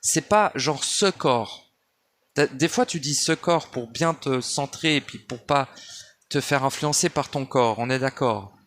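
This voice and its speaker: A man's voice: mid-range voice, normal speed, fairly bright tone, a little hiss or hum. Rambling man musing on spirituality. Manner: digressive, many restarts and fillers, addresses listener as tu. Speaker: spiritual speaker. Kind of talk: rambling spoken monologue. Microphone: handheld phone or basic mic.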